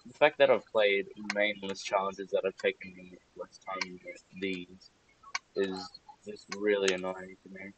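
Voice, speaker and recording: Low-voiced guy muttering over his gameplay stream, annoyed and self-mocking, clicky noisy mic. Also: fairly even intonation, measured pace. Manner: frustrated, self-mocking, muttering asides while playing. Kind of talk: casual gaming livestream commentary.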